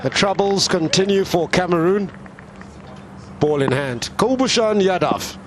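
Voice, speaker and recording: A man giving live cricket commentary in measured, clipped short phrases. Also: high-pitched, lively intonation, crowd noise.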